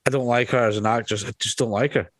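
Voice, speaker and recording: A man's voice: medium pitch, fairly even intonation, fast talker, a bit bright, no echo. Blunt sweary man, dry sound. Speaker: podcast co-host. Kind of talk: casual chat.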